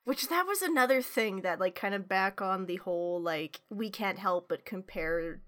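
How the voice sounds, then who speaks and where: A woman's voice: mid-range voice, lively intonation, normal speed, fairly bright tone. A woman co-hosting a podcast in casual chat, rambling with many restarts and swearing freely. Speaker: podcast co-host.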